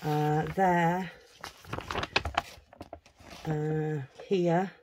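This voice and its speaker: A woman's voice: low-pitched, steady tone, very slow, noisy background. A woman chatting casually on her craft vlog, thinking aloud as she unpacks things. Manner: chatty, thinking aloud while handling items. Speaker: craft vlogger. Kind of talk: casual unboxing chat.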